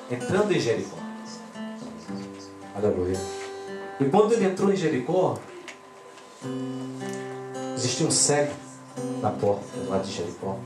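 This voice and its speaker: A man preaching a sermon, animated, swinging between loud exclamations and quiet asides. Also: mid-range voice. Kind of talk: pentecostal sermon. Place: church hall. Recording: echoey church with guitar music. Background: guitar playing.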